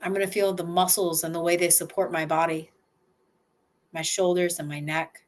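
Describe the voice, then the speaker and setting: This woman walks the listener through a calm relaxation exercise in a soft first-person voice, with pauses for breaths and sighs. She pitches low and delivers it flatly.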